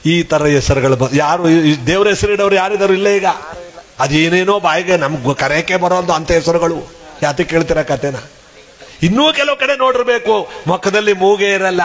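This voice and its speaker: High-voiced storyteller man. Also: moderate pace. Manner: lively, acts out villagers' voices. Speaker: devotional storyteller. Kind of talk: humorous devotional discourse.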